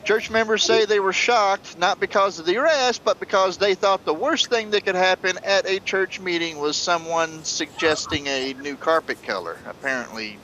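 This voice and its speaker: A man co-hosting a comedic news chat, landing wry deadpan punchlines between lots of fillers. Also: high-pitched, moderate pace, few pauses, slight background noise, poor audio. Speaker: co-host.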